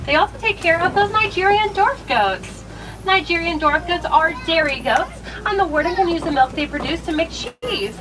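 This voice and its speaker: Woman safari guide, cheerful scripted spiel, outdoor loudspeaker, distant, engine noise behind. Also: extremely high pitch, animated, moderate pace. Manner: cheerful, addresses riders as friends. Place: open-air safari truck outdoors.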